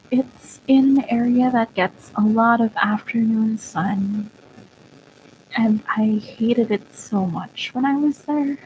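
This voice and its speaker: Young woman streamer, unhurried and soft, sentimental and thoughtful, faint noise underneath. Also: fairly high pitch, low-quality recording. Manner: soft, reflective and sentimental, with pauses and small laughs. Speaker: virtual streamer. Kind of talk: casual live-stream chat.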